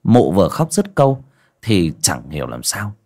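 A man narrating an audio story in a steady, storytelling way, dramatic in places. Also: low voice, normal speed.

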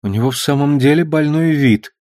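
A man's voice: on the high side, fairly quick, darkish tone, no room sound, studio quality, pitched above the performer's own voice, natural voice. A man reading a fretful, doting mother. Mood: soothing. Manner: fretful, then cooing and soothing. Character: anxious tender mother of two sons.

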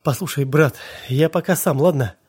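A man's voice: on the high side, moderate pace, a little mellow, breathy edge. A man voicing a stubborn young man, firm and resolved, talking through a door. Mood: resolute. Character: stubborn young man, guilt-ridden brother.

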